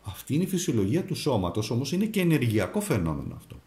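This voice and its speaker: A man who works as a tarot reader and astrologer gives a reading, speaking straight to the viewer and offering advice. He is animated, his pitch rising and falling, and the room around him echoes.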